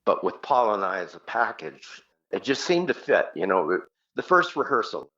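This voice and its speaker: Telling stories as an interview guest, a rock singer casually recalls the past and acts out short quotes. He speaks at a normal speed in a fairly low, sing-song voice with a fairly bright tone, though the recording is dull and muffled.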